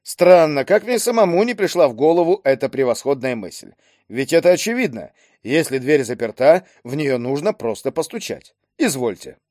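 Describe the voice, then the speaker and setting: Male reader as a calm, sardonic man, unhurried and mocking. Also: fairly high pitch, dry recording, lightly acted. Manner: dry mocking tone.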